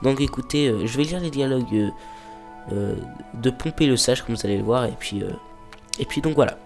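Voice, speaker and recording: Over soft background music, a let's play host with a cold-stuffed nose comments casually on a mobile game he's playing. His mid-range voice is brisk and slightly mellow; he hesitates, uses many fillers, and sometimes reads the game's dialogue aloud.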